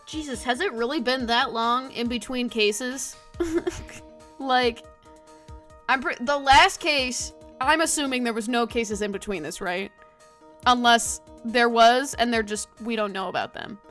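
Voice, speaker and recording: Female game streamer, fairly high voice, loose and foul-mouthed, light music underneath. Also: unhurried, fairly bright tone. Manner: frequent swearing. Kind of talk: casual gameplay commentary.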